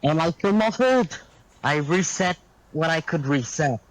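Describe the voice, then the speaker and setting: A man talking as a player in an online tabletop game, his voice muffled as if heard through a wall, slow and halting. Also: fairly high pitch, lively intonation. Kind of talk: casual online game chat. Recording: muffled, breaking-up online call audio.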